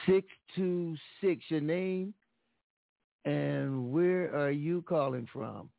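A male radio host with a gravelly, slightly high voice takes callers in a casual, chatty way. The sound is dry and thin, like it is coming through a phone line. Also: very slow, dry recording. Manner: casual, chatty, takes calls with small fumbles. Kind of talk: call-in radio hosting.

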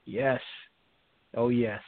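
A man hosting a call-in radio talk show, speaking in a halting way and often repeating his words. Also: medium pitch, fairly even intonation. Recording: dry, tinny phone-line sound.

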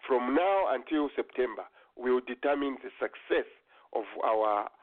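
Halting man moderating over a tinny call. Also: mid-range voice, lively intonation. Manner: halting, many fillers and restarts. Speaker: forum moderator. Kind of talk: hesitant online meeting chat. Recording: tinny phone-like call audio.

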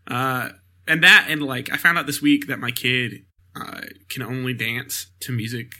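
A man in his thirties, co-hosting a podcast, trading deadpan jokes in casual chat. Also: medium pitch, unhurried. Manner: jokey, deadpan one-liners. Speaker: podcast co-host.

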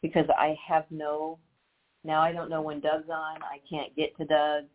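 A man's voice: fairly high pitch, monotone, moderate pace. A man hosting a live radio show on speakerphone, sounding flustered while he works through the connection. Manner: flustered, troubleshooting the line. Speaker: radio show host calling in. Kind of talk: casual live radio chat. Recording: tinny phone line with hiss.

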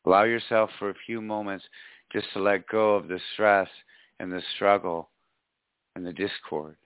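A man leading a spiritual guided meditation in a slow, soothing, hypnotic way, with long pauses and repeated phrases. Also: on the low side, level tone, smooth, dry recording. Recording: dull lo-fi audio, music behind. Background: faint music.

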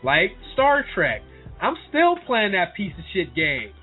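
Higher-voiced American man on a tinny line. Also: huge pitch swings, a little slow. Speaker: gaming podcast co-host. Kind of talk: casual, slangy chat. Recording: tinny phone-like voice call, music behind.

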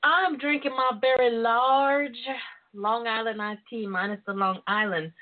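A woman with a Southern US accent hosts a radio talk show, keeping things playful, sassy and bawdy like girls'-night chat and calling listeners pet names. Her voice is a little high, steady and unhurried, with muffled internet phone-in radio sound.

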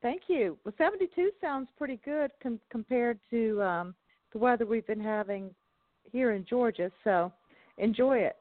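A woman is heard over the phone as a guest musician. She chats casually and thoughtfully, pausing with ums and restarting her sentences. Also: on the high side, animated, dry recording. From Southern United States. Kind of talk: casual interview chat. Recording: tinny phone line.

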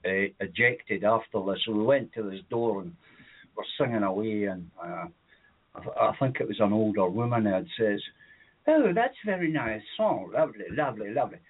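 On a comedy radio show's podcast, a Scottish co-host rambles through long childhood stories, using lots of fillers and chuckling along. He sounds animated, with a fairly low, slightly rough voice at a moderate pace, recorded with tinny, phone-like quality.

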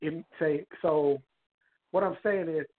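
Guy on speakerphone over the phone, halting, repeats stuff, tinny line. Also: on the high side. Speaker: caller in a prayer group. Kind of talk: casual church prayer-call sharing. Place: a bathroom, away from family.

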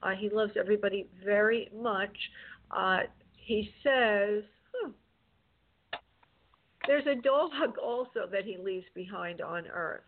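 A woman hosts spirit readings for callers in a gentle, consoling manner, addressing them with affectionate endearments. Her voice sits at a middle pitch. The sound is narrow and tinny, like a telephone line. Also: takes it slowly. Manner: gentle, consoling, using endearments like love and honey. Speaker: psychic medium hosting a call-in show. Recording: tinny phone-like call-in audio.

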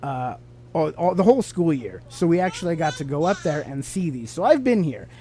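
A man with an American accent co-hosts a podcast, asking questions and explaining things simply to a child in a casual, teacherly chat. His voice runs on the high side, with big pitch swings, a brisk pace and a mellow quality.

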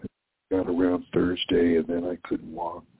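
A man's voice: deep voice, monotone, moderate pace, husky, no echo. A man calling in to a radio show over a phone line, rambling and hesitant with many fillers. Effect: caller heard over a phone line. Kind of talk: casual call-in chat.

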